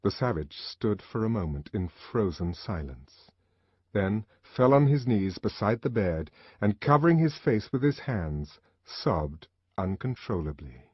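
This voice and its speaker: Male audiobook narrator, husky, low voice, very lively pitch, dry close sound, dull lo-fi recording. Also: measured pace, no room sound. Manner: dramatic, expressive reading. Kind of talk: scripted literary narration.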